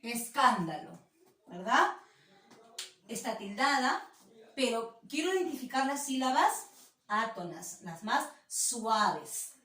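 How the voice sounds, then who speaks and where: A fairly high-voiced woman teaching with a Peruvian Spanish accent. She explains patiently and says each example word slowly and clearly. Her voice sounds echoey and set back from the mic. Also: big pitch swings, a bit bright. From Peru. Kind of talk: online class lesson. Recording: echoey room, voice from a distance.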